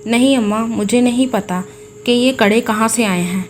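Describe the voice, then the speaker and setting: A woman voicing a meek, mistreated young wife who pleads softly, in a storybook tale. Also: a little high, normal speed, slight background noise, close to an everyday voice. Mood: pleading.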